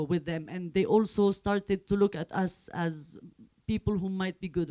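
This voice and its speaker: A man's voice: sits high, a little mellow. A man speaking as a journalist on a discussion panel, hesitant with frequent fillers and restarts. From Morocco.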